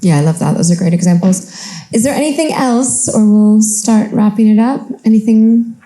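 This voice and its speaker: A woman's voice: mid-range voice, normal speed, warm tone, roomy sound. A woman hosting and moderating a Q and A at a live event, upbeat and effusive in her thanks. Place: event venue with live audience.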